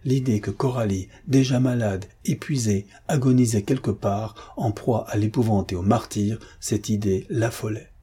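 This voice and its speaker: Low dark-voiced male narrator. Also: moderate pace, hardly any pauses, slightly rough. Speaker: audiobook narrator. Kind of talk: scripted narration.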